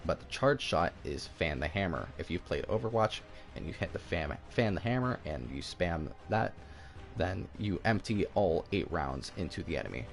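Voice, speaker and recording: Deep gravelly young man talking games. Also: animated, moderate pace, soft background music. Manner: rambling, stumbles and repeats himself. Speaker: gaming YouTuber. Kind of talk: casual game walkthrough commentary.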